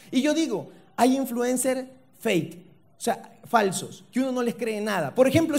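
High-voiced Salvadoran man doing stand-up. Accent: Salvadoran Spanish. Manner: slangy, punchy, loud asides to the crowd. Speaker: stand-up comedian. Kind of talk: stand-up comedy set. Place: comedy stage before a live audience.

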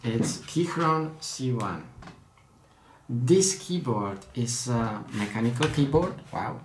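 A young Czech man shows off a hobby project at his desk in a small room at home, giving a casual tech demo in careful, Czech-accented English as a non-native speaker. His medium-pitched voice is animated and unhurried. The audio is reverberant, with slight background noise.

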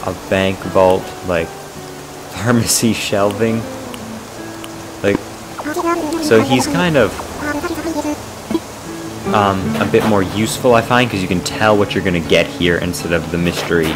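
Man, casual gaming commentary, rambling with ums, very low voice, loud game music behind. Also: unhurried, pauses often. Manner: rambling, full of ums, talks to viewers. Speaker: gameplay vlogger.

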